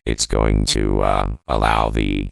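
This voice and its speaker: A man's voice comes through a vocoder that shifts it far down in pitch, giving a deep, buzzing, synthetic tone. He talks in a relaxed, explanatory way, as if thinking aloud during a tutorial. The underlying voice is gravelly but smooth, and the recording is close and dry. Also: takes it slowly, no echo. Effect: vocoder processing, pitched down fourteen semitones. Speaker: audio software demonstrator. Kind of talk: casual tutorial walkthrough.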